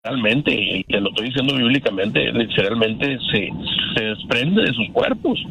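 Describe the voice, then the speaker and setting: Halting gravelly caller in his fifties. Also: mid-range voice, animated, noisy background. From Canada. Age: 50s. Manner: halting, many restarts and repeated words. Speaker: radio caller. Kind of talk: call-in radio testimony.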